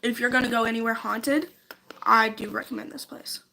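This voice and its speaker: A woman's voice: on the high side, steady tone, brisk, vocal fry, sharp tone, rough recording. A congested young woman hosting her channel, chatting eagerly and giggling about haunted places. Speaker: channel host. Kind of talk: casual chat.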